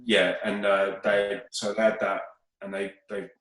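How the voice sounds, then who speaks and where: A man's voice: lowish voice, measured pace, reverberant, low-quality recording. A man telling rambling, sweary anecdotes about his days as a DJ in a casual chat. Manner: rambling, swears, gets loud and excited in anecdotes. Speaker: podcast speaker, DJ.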